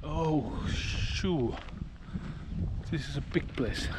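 Exploring abandoned factory grounds, both outside and through derelict rooms, an urban explorer vlogger in his thirties mutters short, halting, offhand remarks in a somewhat high voice. The handheld action camera held at arm's length picks up noisy audio.

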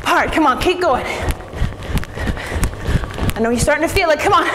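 A young woman coaching a workout as a fitness instructor, encouraging and breathy from exercise. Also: sits high, expressive, normal speed. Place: large indoor studio with wooden floor. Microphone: distant camera. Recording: echoey hall from far off, noisy.

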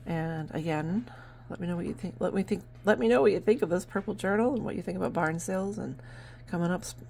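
A woman's voice: lowish voice, quick pace, creaky, a little mellow, slight background noise. A middle-aged woman from New Hampshire, chatting casually to camera about her barn sales in a rambling way with lots of fillers, recorded on a handheld phone at home. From New Hampshire, USA. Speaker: vlogger and barn sale seller. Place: at home, indoors at a table.

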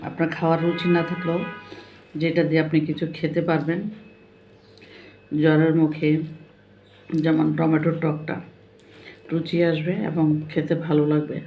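A woman's voice: sits low, monotone, normal speed, long pauses, dark tone, low-quality recording. An older woman chatting casually to viewers while eating, her mouth full at times. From Comilla, Bangladesh. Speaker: food vlogger. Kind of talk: casual chat to viewers over a meal.

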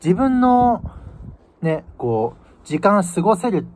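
A man's voice: high-pitched, big pitch swings, slow, darkish tone. A man in his twenties from northern Japan, musing casually and in slangy speech to the camera outdoors. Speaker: vlogger. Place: outdoors by a building in winter. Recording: outdoor ambient noise, phone microphone.

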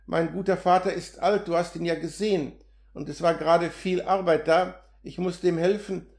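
Barnabas, a man reading a gentle messenger. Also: high voice, normal speed, creaky. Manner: gentle, calm and unruffled. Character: meek young male village messenger. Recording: roomy echo.

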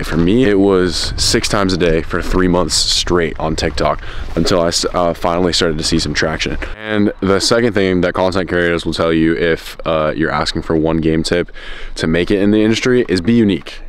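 A man's voice: low-pitched, slight background noise. A young man chatting casually on a night walk, rambling, swearing often and ending lines with "bro.". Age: young adult. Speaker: content creator, bodybuilding competitor. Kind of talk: casual chat while walking. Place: outdoors on a suburban street at night.

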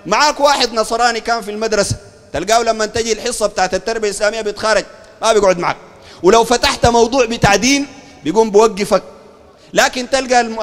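A man with a Sudanese Arabic accent preaches bluntly and combatively, his voice high-pitched and his delivery rapid. A long reverb trails his words through a large hall. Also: a bit bright. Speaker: sheikh preacher. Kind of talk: sermon and discussion talk.

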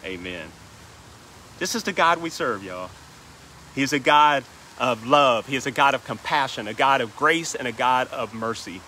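A pastor delivers a sermon, reading King James scripture aloud in a rhythmic cadence and tossing in "right?" asides. His mid-range voice is expressive and sharp at a moderate pace, with a little hiss or hum in the audio.

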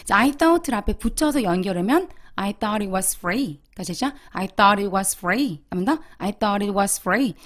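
A woman English teacher giving a language lesson, drilling example sentences slowly for listeners to repeat. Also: medium pitch.

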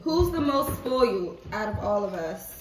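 A woman's voice: medium pitch, sing-song, normal speed. Woman reading out questions in a roomy room. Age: 20s. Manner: bossy, keeps things moving. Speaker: sister asking the questions. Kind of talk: casual group chat while eating. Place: kitchen, indoors. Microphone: far camera. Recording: roomy, far off, chatter behind.

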